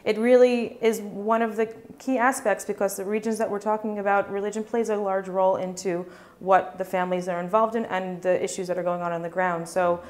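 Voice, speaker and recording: A woman answering interview questions in a casual, filler-heavy way. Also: medium pitch. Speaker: workshop participant.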